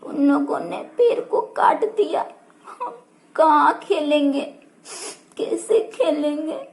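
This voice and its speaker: A woman's voice: steady tone, slow, pushed and bright, exaggerated voice. A woman voicing a small child who tearfully begs the grown-ups. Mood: sad. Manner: begging, high and tearful.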